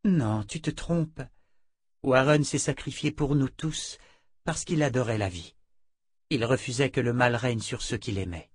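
A man reading an audiobook, voicing a commanding woman inquisitor who is stern with enemies and gentle with a child. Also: mid-range voice, measured pace, breathy edge, no room sound, pitched above the performer's own voice. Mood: tender. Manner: commanding, firm.

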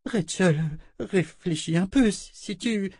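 A man's voice: high-pitched, slow pace, darkish tone, husky, no echo, clean studio sound, voice pushed up, exaggerated voice. A man voicing a cruel, spoiled young princess in a storybook reading, mocking and imperious. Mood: pleading. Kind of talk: storybook read-aloud voice.

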